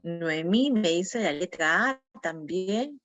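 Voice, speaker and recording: A woman's voice: fairly low pitch, lively intonation, slow, a bit bright, no room sound, dull audio. A woman teaching an online class for teachers, going over quiz answers, naming students and repeating key words. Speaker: teacher training instructor.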